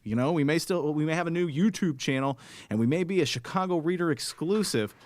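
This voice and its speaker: A man's voice: fairly high pitch, fairly quick, a little mellow, dry recording. A man co-hosting a casual podcast from an apartment attic, reading plugs and teasing his partner. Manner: upbeat, promo-style plugs and teasing. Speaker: co-host.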